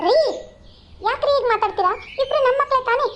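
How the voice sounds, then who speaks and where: A protective village mother from a cartoon, voiced by a woman, with a very high, quick voice. She pleads and protests on her daughter's behalf. The sound is slightly dull and lo-fi. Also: noisy background. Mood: indignant. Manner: pleading, indignant. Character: caring village mother defending her dark-skinned daughter. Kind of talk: cartoon voice acting.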